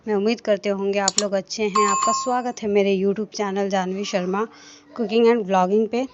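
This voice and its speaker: A woman chats through her daily home vlog, homely and talkative, drifting from one thing to the next. Her pitch stays flat and level, and clear background noise from a family home runs under her voice. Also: normal speed, muffled recording. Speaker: daily vlogger. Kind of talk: casual chatty vlog narration.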